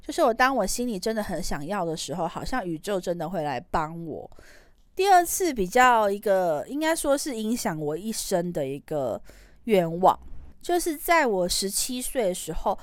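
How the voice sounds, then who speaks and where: A podcast host with a Taiwanese Mandarin accent tells a personal story in a chatty, rambling monologue full of trailing particles. Her medium-pitched voice swings widely in pitch at a moderate pace, with no echo.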